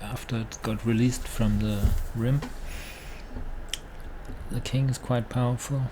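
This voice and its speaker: Slow-talking man commentating over noise. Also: medium pitch, fairly even intonation. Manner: halting, thinking aloud. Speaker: amateur chess commentator. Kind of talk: casual live game commentary. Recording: clearly noisy background.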